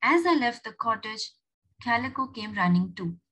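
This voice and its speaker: A woman narrating a short story aloud in an expressive, animated manner. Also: a little high, moderate pace, slightly rough, low-quality recording.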